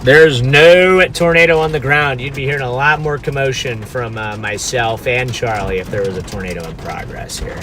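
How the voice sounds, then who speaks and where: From a noisy car with outdoor sounds around him, a man streaming his storm chase keeps up informal commentary for his chat as he watches the weather. His medium-pitched voice runs at a moderate pace with hardly any pauses.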